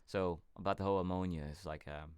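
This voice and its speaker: A man with a very low, smooth voice hosts a casual fitness livestream, answering viewer questions in a relaxed, rambling way. He is from California. The sound is close and dry, with no room around it. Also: fast, dry recording. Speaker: fitness channel host.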